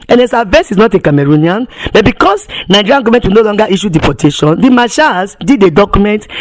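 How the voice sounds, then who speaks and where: A woman activist delivers impassioned, emphatic testimony in a mid-range, slightly mellow voice. She often repeats and restarts words and fires off rhetorical questions.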